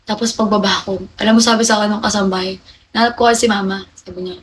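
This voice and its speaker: A woman's voice: mid-range voice, fairly even intonation, rapid-fire, a little hiss or hum, poor audio. A young woman hosting a livestream, chatting and confiding to her viewers and answering their comments by name. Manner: chatty, confiding, reads out viewer names and replies to them. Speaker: livestream host. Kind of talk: casual livestream chat with viewers.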